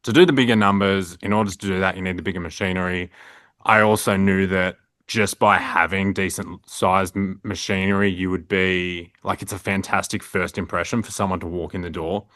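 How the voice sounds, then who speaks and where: Low, bright-toned Australian man. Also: steady tone, brisk, no echo, clean studio sound. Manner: rambling, filler-heavy, frequent "like". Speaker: print shop owner, guest. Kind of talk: casual interview chat.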